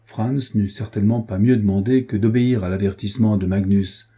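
Male audiobook narrator, husky and mellow, measured delivery. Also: on the low side, fairly even intonation. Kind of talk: scripted narration of a classic novel.

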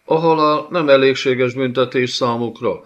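A man's voice: medium pitch, steady tone, pitched above the performer's own voice, lightly acted. A man voicing a groveling, scheming male envoy who stammers and begs, in a dull lo-fi audiobook recording. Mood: pleading. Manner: stammering, pleading, fawning.

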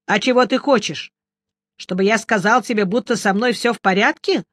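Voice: mid-range voice, lively intonation, normal speed, fairly bright tone, close to an everyday voice. Reader doing a grumbling old wizard. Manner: grumbling, sardonic. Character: grumpy sarcastic old male wizard. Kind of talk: audiobook character reading.

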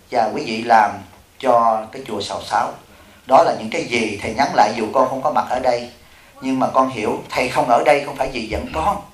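A middle-aged man, a Buddhist monk and abbot, giving a dharma talk, telling stories animatedly and questioning his listeners. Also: mid-range voice. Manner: animated storytelling, acting out quoted voices, asking the audience. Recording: echoey hall.

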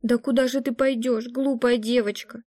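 A woman's voice: on the high side, steady tone, normal speed, mellow, dry recording, clean studio sound, lightly acted. A woman reading an audiobook, voicing a middle-aged mother who pleads with her daughter in a plaintive, tearful way. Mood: pleading.

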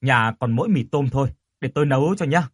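A man doing a gruff, husky old village man. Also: mid-range voice, animated, fast talker, no room sound, clean studio sound. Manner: blunt, questioning, stammers when shaken.

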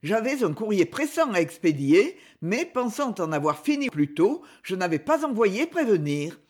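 A reader voicing a proud young English duke, speaking in measured, haughty sentences. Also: medium pitch, very animated, darkish tone, breathy edge. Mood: courteous.

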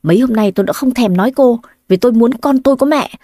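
Cheating husband in a storybook, voiced by a woman, scornful, cold, mellow tone, dry sound. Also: a little high, quick pace, no room sound, natural voice. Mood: contemptuous. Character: callous drunk young husband, contemptuous.

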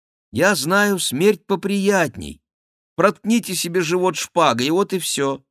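A man voicing a mocking, hot-headed royal jester who bellows drawn-out oaths. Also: sits high, animated, a bit bright, no echo, studio quality, voice pushed up.

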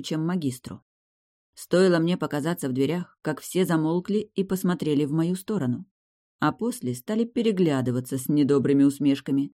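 Narrating a fantasy audiobook told in the first person, this woman has a low, mellow voice. Her delivery is steady and wry, and her tone stays relaxed and warm from start to finish.

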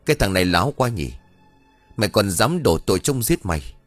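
A scornful old landlord past seventy barks and snarls at his servant, as a male narrator puts him on. The voice sits deep but lurches up and down as he rages. It is recorded close and dry for an audiobook. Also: sing-song, fairly quick, fairly bright tone, dry recording, soft background music. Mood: scornful, snarling. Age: over 70. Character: cruel rich old landlord over seventy, contemptuous.

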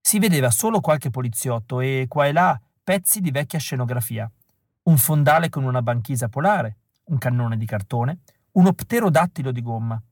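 A male audiobook reader narrating a story in a wry, deadpan way. His voice sits at a middle pitch. The recording is dry and close, with no room sound. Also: moderate pace, no echo. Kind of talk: scripted narration.

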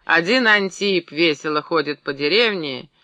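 A man's voice: fairly high pitch, animated, unhurried, no room sound, exaggerated voice. Give me a man doing a spiteful gossip who crows over others' troubles, in a dry close voice. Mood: gloating. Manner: mocking, gloating, loud. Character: sly spiteful village gossip, middle-aged man.

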